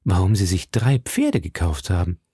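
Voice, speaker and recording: A man voicing a grave, older musketeer leader who speaks calmly and with command. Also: deep voice, normal speed, slightly rough, dry recording, clean studio sound, full character voice. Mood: wry. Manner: calm, commanding.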